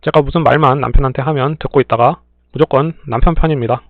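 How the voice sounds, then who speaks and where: A man reading listener stories aloud in a plain, steady way, adding brief dry remarks between them. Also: mid-range voice, quick pace, no echo. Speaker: story reader and channel host. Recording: tinny phone-like dry sound.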